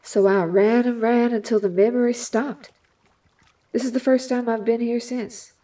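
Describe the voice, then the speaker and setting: In an audio drama, an actress voices a guarded, hot-tempered young superheroine with a sassy, folksy Southern US accent. Her warm voice sits a little high, with fairly even intonation and a moderate pace. The lightly acted performance is recorded from a distance.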